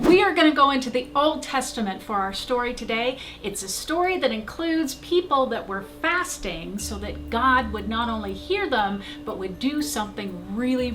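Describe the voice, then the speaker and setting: A woman's voice: fairly high pitch, sharp tone. A woman working as a children's pastor, telling a story casually to kids in short, emphatic sentences.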